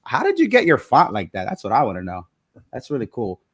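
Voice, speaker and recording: A man's voice: mid-range voice, huge pitch swings, fast, crowd noise. A man hosting a casual live-stream chat, upbeat, greeting guests and reading comments over a video call. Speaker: host.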